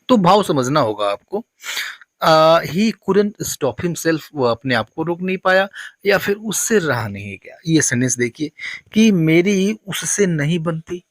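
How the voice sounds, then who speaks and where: Slow-teaching man. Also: on the high side, dry recording. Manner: slow, deliberate model sentences. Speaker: English teacher. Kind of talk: spoken English lesson.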